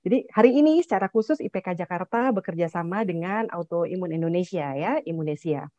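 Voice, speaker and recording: Woman association chair, chatty opening remarks; mellow, muffled dry call audio. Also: lowish voice, expressive, a little fast, no room sound. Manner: warm, chatty, with tag "ya" and "nih". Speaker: head of a clinical psychologists' association. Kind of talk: formal webinar opening speech. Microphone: video call.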